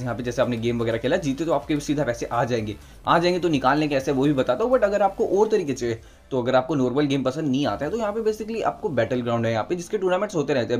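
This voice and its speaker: Over background music, a young gaming video creator with a medium-pitched, darkish voice narrates a casual tutorial in a mix of Hindi and English. He's chatty and persuasive, speaking to viewers as buddies.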